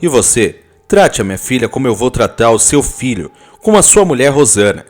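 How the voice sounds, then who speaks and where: A man voicing a calm, firm estranged husband, speaking soft, low and steady. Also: a little fast, faint music behind.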